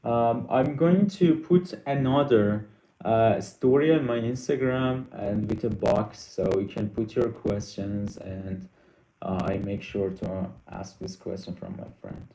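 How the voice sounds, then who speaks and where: In a room with noticeable echo, a young native Persian speaker hosts a relaxed live Q&A. He reads questions from viewers and stumbles through replies, restarting often and saying um a lot, in a mellow voice pitched a little low.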